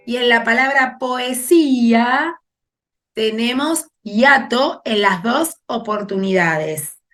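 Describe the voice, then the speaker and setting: A woman's voice: on the high side, animated, slow pace, fairly bright tone. A woman teaching a grammar lesson, explaining patiently and checking in with her students as she goes.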